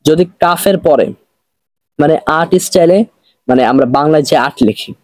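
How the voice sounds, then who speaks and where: A man's voice: fairly high pitch, normal speed, darkish tone, no echo. A man with a Bangladeshi accent teaching Arabic reading, spelling out letters one by one and repeating each drill. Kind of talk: slow recitation lesson.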